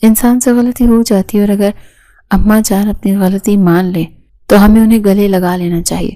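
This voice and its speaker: A kind, forgiving young wife and mother from a storybook, read by a woman. She speaks softly in a level line with a mellow, dark tone. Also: mid-range voice, fairly even intonation, close to an everyday voice, rough recording. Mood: tender.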